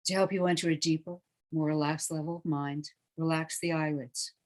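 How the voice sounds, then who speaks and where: A calm meditation guide talking listeners down into deep relaxation. The delivery is slow, hushed and soothing, with phrase endings that fade to near quiet. The voice sits at an ordinary middle pitch.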